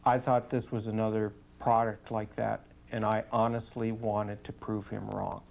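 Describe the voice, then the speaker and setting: A man speaking as a police sergeant giving a testimonial in an interview, earnest, deliberate and matter-of-fact. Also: fairly low pitch, little pitch movement, vocal fry, a little mellow.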